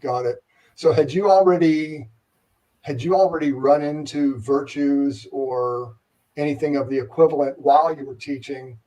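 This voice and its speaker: A man hosting a casual live-stream interview, relaxed and rambling with plenty of fillers. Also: on the high side, moderate pace, recorded from a distance, low-quality recording. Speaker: host, interviewer.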